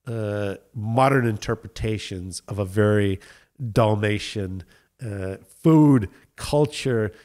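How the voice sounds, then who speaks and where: A middle-aged man from the United States speaks in a fairly low voice as a guest on a relaxed interview show. He talks thoughtfully and with enthusiasm, often pausing on fillers while he shapes his points. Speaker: guest winemaker.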